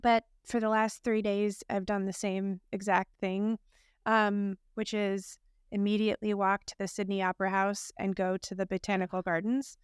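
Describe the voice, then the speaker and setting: A woman co-hosts a casual podcast from abroad, in a hotel room or similar, telling stories chattily with laughter and lots of fillers. Her mid-range voice has little pitch movement, a moderate pace, and a clear, resonant tone. The recording is dry and studio-clean.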